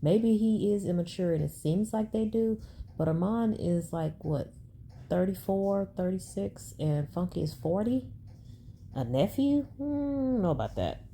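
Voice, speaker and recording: A woman's voice: on the low side, moderate pace, mellow, a little hiss or hum. A woman giving skeptical, sassy commentary on gossip clips. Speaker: commentary channel host. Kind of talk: reaction commentary on celebrity gossip.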